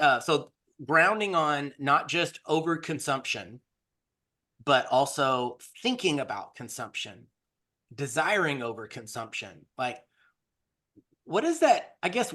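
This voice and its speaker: A man's voice: on the high side, expressive, a little slow, bright, forceful tone. A man co-hosting a podcast, chatting casually and rambling through his points with many restarts. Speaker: podcast co-host. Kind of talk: casual discussion.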